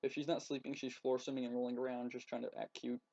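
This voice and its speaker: A teenage boy vlogging casually at home into his laptop, rambling and halting with lots of ums and likes. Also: mid-range voice, little pitch movement, vocal fry, dark tone. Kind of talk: casual webcam vlog. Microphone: laptop webcam mic. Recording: muffled lo-fi laptop audio.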